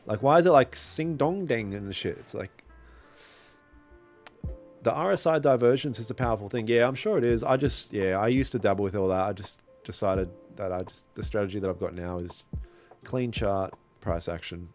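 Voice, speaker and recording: Over faint lo-fi music, a young Australian trader chats casually with his live-stream viewers, responding to their comments with relaxed slang. He speaks at a normal speed in a lowish, somewhat dark voice.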